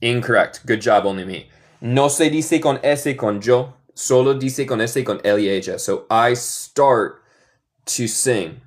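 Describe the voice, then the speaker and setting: A young American man teaching English in Spanish on a live stream, patient and encouraging, modeling words slowly. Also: medium pitch. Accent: American, speaking Spanish as a learner. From northern United States. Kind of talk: live-streamed language class.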